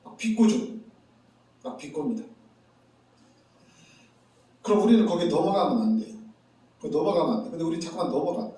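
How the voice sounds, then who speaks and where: Male pastor, animated sermon delivery, high pitch, heavy room echo. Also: fairly quick, pauses often. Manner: animated preaching, acting out quoted voices. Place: church sanctuary. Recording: echoey church hall from far off.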